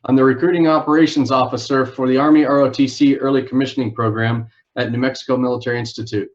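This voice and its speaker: A man of middle pitch hosts a formal live information session as a recruiting officer. His delivery is polite and orderly, with a few "uh" pauses. The sound is dull and lo-fi, like streamed audio. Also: steady tone. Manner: orderly, polite, with frequent "uh" fillers. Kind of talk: formal livestream presentation.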